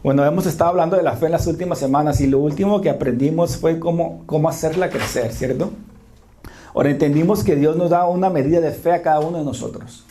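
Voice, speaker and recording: Warm, mellow pastor, informal sermon delivery, frequent quick asides to the congregation. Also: medium pitch, a little hiss or hum. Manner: restarts and corrects phrases while talking. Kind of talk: conversational sermon. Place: church sanctuary before a congregation.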